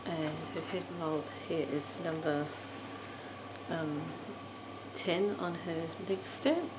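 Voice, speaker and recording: Slow, halting woman showing dolls. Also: deep voice, noisy background. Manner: slow, halting, many ums. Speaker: doll collector channel host. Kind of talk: casual show-and-tell.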